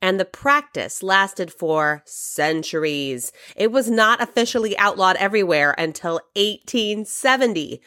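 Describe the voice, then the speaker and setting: Lively, upbeat woman hosting a podcast. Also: medium pitch, a little slow, hardly any pauses. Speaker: podcast host. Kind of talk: scripted podcast narration.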